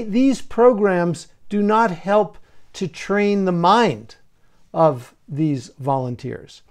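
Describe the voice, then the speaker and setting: Older man as moderator; unhurried, hesitant questioning, a touch high-pitched, on a video call from a home office. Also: darkish tone, clear, resonant tone. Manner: slow, deliberate, hesitant with many fillers. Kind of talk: asking questions in a dialogue.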